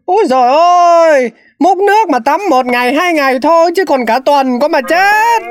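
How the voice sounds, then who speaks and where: A stubborn middle-aged cartoon dad who grumbles and complains with exasperation. The voice sits rather high for a father. Light music runs in the background. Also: lively intonation, moderate pace, no room sound, clean studio sound. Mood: grumbling. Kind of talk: cartoon voice acting.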